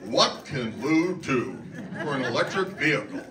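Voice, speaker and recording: A man in his seventies playing a brash 1960s TV garage pitchman, hammy and drawn out, in an echoey hall. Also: very animated, unhurried, crowd noise. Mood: salesy. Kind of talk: 1960s TV commercial announcing. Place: auditorium stage. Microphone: handheld mic. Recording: echoey hall, from far off, noisy.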